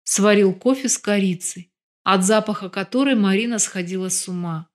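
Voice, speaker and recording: A woman narrating a novel as an audiobook in even, storytelling tones. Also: medium pitch, normal speed. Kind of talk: scripted narration.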